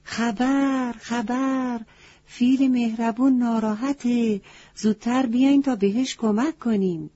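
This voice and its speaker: A kind, eager male crow from a children's storybook, put on by a woman. The voice jumps up high and talks quickly and brightly to cheer a friend. It comes through a dull, lo-fi recording. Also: expressive, slightly rough, no echo. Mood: urgent calling.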